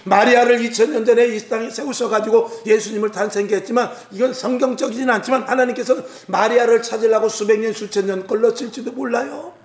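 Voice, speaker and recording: A man's voice: very high-pitched, fairly even intonation, quick pace, few pauses. A male pastor preaching a Wednesday sermon, exhorting his congregation and acting out biblical scenes. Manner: exhorting, acts out biblical dialogue, jokes. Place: church sanctuary. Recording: echoey church hall.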